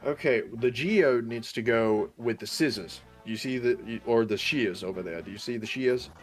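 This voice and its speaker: Guy playing dnd, explains stuff patiently, average pitch, casual, some music behind. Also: moderate pace. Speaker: tabletop game player. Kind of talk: casual in-character game chat.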